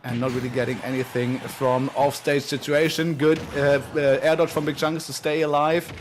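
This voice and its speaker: A man calling play-by-play for an online fighting-game tournament in an energetic way, with frequent fillers. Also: a little high, fairly quick, slight background noise. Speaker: play-by-play commentator. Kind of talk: esports commentary.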